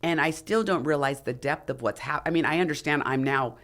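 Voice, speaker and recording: Animated woman telling a climbing story. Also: low voice, brisk. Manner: animated, acts out the dialogue of others. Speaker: podcast guest, former figure competitor and mountaineer. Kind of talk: storytelling in a casual interview.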